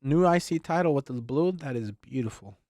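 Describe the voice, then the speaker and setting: Give me a hyped-up man co-hosting a casual chat, dry and close, with a mid-pitched voice. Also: a little fast, no echo. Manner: excitable, hypes things up with bursts of shouting. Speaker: podcast co-host.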